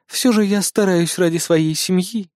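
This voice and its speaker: A man reading an audiobook, voicing a sly young queen who talks in a soft, purring way. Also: high voice, a little slow, no room sound, clean studio sound. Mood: calm. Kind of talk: audiobook character voice.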